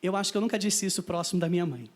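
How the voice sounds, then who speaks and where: A man's voice: sits high, rapid-fire. A man with a Brazilian accent giving a personal testimony in a parish church, telling his story vividly and acting out the dialogue.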